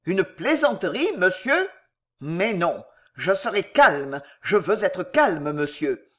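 A woman voicing a pompous, furious male newspaper editor in an audiobook, shouting with indignation and then forcing herself to sound calm. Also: on the low side, slow pace. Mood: indignant. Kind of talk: audiobook character voice.

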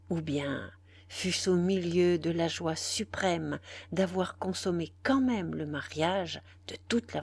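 A woman reads a novel aloud in a slow, solemn manner, sometimes sinking into a hushed whisper. The recording is dry and close, with no room sound. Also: lowish voice, husky, no room sound. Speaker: audiobook narrator. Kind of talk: scripted narration of a novel.

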